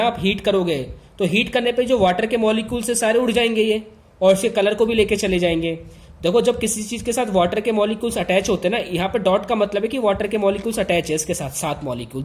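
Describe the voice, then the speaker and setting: Speaking directly to his students, a man teaches in a casual, easygoing way, repeating and emphasizing the important points. His voice is on the higher side for a male.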